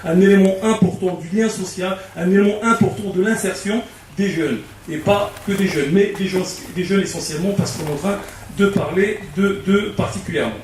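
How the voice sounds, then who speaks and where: A man speaking formally at a public debate, halting, with many fillers and restarts. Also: high voice, darkish tone, a little hiss or hum. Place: community hall. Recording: echoey hall from far off.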